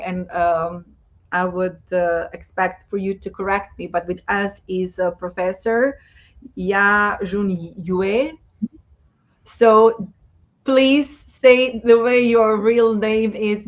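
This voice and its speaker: Effusive woman moderating an online conference. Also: medium pitch. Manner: effusive, many fillers. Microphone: video call. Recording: dull lo-fi video call audio.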